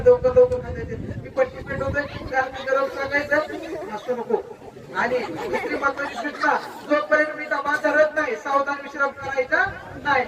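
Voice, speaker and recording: A man with a Marathi accent, a stage magician giving loud drill commands to children at a live show. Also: very high voice. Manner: commanding, counts and barks drill orders. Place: outdoor birthday event. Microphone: handheld stage mic. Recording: echoey crowd, far from mic.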